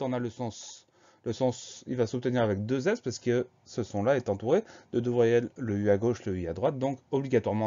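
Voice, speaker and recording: A man's voice: mid-range voice, a little mellow, dull audio. Man spelling out words letter by letter. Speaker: teacher. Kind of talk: spelling lesson.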